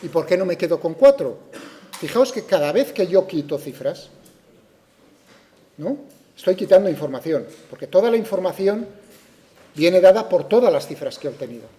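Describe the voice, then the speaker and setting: He's a very animated physics teacher with a Spain Spanish accent, lecturing at normal speed with long pauses in a slightly high, mellow voice. Along the way he voices possible student objections, responds to them, and keeps asking if the class follows.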